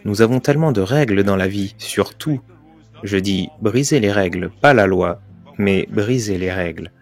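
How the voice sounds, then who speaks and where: A man's voice: lowish voice, normal speed. A man giving a dubbed first-person motivational talk, telling his story earnestly with emphatic turns. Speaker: voice-over narrator of a motivational speech.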